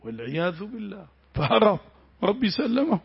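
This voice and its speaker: A man's voice: sits high, big pitch swings, fairly quick, vocal fry, husky. A man teaching a religious lesson, explaining a text and often breaking in with short prayers and affirmations. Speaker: sheikh explaining a tafsir text. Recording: dull lo-fi recording.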